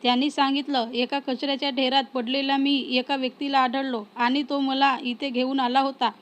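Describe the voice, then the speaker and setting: A woman reading the lines of a tender young man in a storybook romance, in a soft, even way. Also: high-pitched, normal speed, close to an everyday voice.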